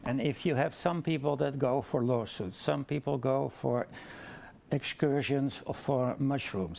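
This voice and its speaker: A man on a panel, speaking insistently and forcefully in a debate. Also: mid-range voice, vocal fry.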